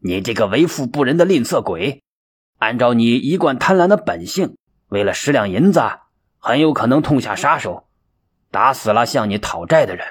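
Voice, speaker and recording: A man's voice: medium pitch, big pitch swings, normal speed, husky. A male storyteller voicing a stern county magistrate who roars accusations. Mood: accusing. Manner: roaring, accusing.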